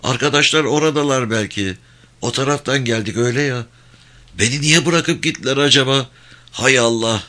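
A man's voice: medium pitch, moderate pace, pushed and bright, pitched above the performer's own voice, close to an everyday voice. A man voicing a badly wounded young soldier who calls out weakly and strains through confusion. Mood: dazed.

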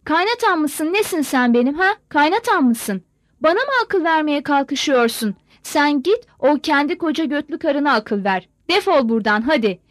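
A woman's voice: high voice, animated, normal speed, no echo. A woman reader voicing a fiery, scornful young village woman who lashes out in an angry, insulting tirade. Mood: furious defiant. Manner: furious shouting tirade, insulting.

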